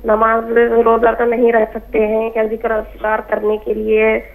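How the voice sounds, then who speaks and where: A woman's voice: fairly high pitch, monotone, normal speed. A woman calling in who formally lists her questions one by one. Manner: formal, orderly listing of questions. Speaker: caller. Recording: tinny, gravelly phone line.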